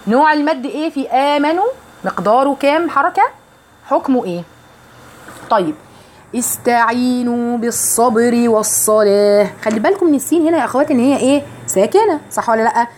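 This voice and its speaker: Woman, Egyptian Arabic accent, recitation teacher, rapid explaining, slow drawn-out verses, questions to students. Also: a little high, darkish tone, a little hiss or hum. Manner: asks the listeners questions directly. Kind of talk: tajweed lesson for women.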